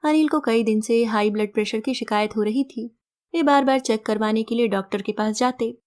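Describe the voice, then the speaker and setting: A woman storyteller reading a first-person story aloud in a gentle, reflective, measured way. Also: on the high side.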